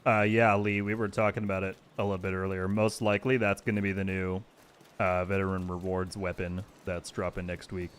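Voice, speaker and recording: A man's voice: deep voice, flat delivery, brisk, a little hiss or hum. A man streaming a video game, chatting casually and thanking viewers by name. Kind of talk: casual live-stream chat.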